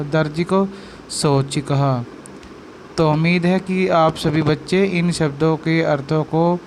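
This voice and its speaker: Slow call-and-response male Sanskrit teacher. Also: a little high, a little hiss or hum. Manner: repeats each word slowly with call-and-response questions. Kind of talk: teaching lesson to children over picture slides. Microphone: screen-recorded voice-over.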